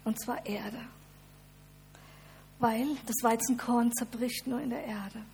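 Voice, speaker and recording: Woman preacher, higher register, emphatic sermon delivery, speaks straight to the congregation. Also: fairly even intonation, slow pace, creaky, a little mellow, slight background noise. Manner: emphatic, addresses listeners directly.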